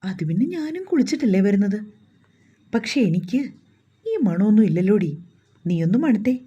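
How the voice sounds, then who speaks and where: A woman's voice: medium pitch, animated, moderate pace, warm tone, slightly rough, dull audio. A woman reading the lines of a playful young man who teases his bride-to-be. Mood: teasing.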